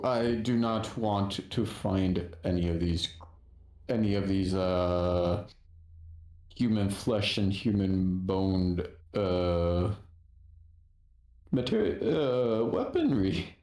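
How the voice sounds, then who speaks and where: A man's voice: lowish voice, lively intonation, slow pace, darkish tone. A man voicing a wary, mild adventurer in a tabletop game, hesitant and wry. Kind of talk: tabletop role-play. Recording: roomy, echoing indoor sound.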